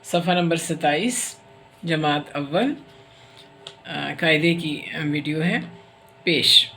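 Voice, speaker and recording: A woman teacher giving a reading lesson to young children, patient and explanatory, who reads example sentences slowly and carefully. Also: low voice, pushed and bright, slight background noise. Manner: patient, explanatory, checks in often. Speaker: primary school teacher.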